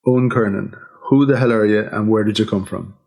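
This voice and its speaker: A man hosting a podcast, introducing his guest in a relaxed, chatty way. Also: fairly low pitch, brisk, creaky. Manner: relaxed, chatty, leading the conversation. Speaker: podcast host.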